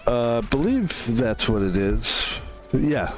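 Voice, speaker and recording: A man's voice: mid-range voice, very animated, slow, faint music behind, rough recording. A man in his fifties chatting casually as a game streamer, rambling and interrupting himself. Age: 50s. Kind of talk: casual gaming stream chat.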